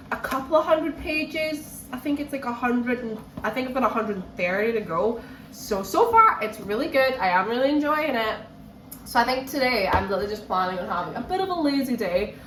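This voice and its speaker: This woman, a book vlogger, gives a casual, talk-to-camera reading vlog while a little under the weather with a cold, often repeating phrases for emphasis. Her fairly bright voice sits a little high, and the echoey room carries faint background noise.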